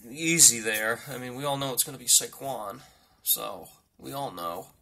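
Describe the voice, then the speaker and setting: A man playing a blunt football coach at a mock press conference, rambling and repeating himself in halting answers. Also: mid-range voice, creaky, sharp tone, full character voice, poor audio.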